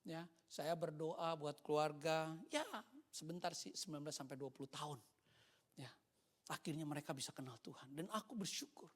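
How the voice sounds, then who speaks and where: A man's voice: a little high, steady tone, normal speed. A man, a pastor preaching a sermon in a church service and telling his own story, with English words mixed into his talk. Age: 50s. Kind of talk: sermon with personal testimony.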